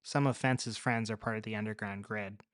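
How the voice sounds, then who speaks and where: Low-key young woman who always has a plan, man doing her, flat and steady, dry mic. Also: normal speed, no echo, natural voice. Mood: guarded. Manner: low, flat, matter-of-fact delivery. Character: calm resourceful young woman survivor, practical.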